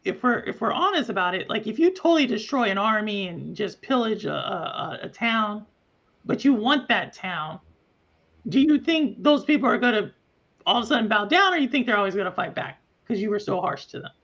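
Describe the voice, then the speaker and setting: A guest in a casual talk who speaks reflectively and haltingly, with many fillers. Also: mid-range voice, expressive, a bit bright, dull audio. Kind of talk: casual chat.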